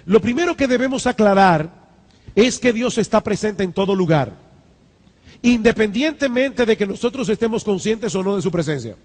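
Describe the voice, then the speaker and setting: A man's voice: sits high, expressive, moderate pace, a little mellow. A man preaching a sermon as pastor, emphatic, repeating key lines and building to fervent exhortations. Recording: church hall with long reverb.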